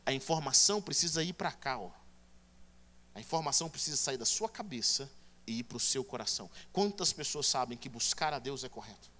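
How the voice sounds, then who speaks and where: Bright-voiced preacher man. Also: medium pitch, animated, brisk. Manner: emphatic, swings from hushed to loud. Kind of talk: sermon.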